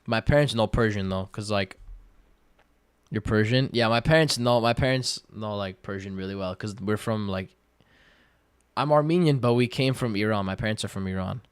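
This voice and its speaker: A twenty-year-old man livestreaming, reading viewer questions aloud and answering in relaxed, slangy chat full of fillers. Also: lowish voice, normal speed, smooth, dry recording. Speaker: day-trading livestreamer.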